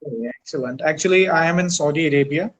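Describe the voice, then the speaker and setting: A Pakistani man whose first language is Urdu, an English teacher and channel host, chats casually on a video call. His voice is on the high side and a bit bright, and although he talks fast, his English is careful and hesitant, with frequent uhs.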